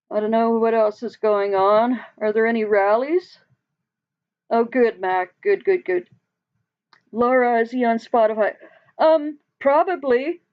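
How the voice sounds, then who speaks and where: Her voice sits a little high, and the audio is dull. Hosting a relaxed livestream chat, this woman rambles chattily, breaks into frequent laughter, and leaves sentences hanging mid-thought.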